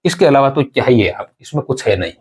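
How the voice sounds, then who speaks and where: A man's voice: mid-range voice, expressive, quick pace, darkish tone, slightly rough. A man teaching an exam-prep grammar lesson, explaining step by step, repeating points and asking rhetorical questions of his students.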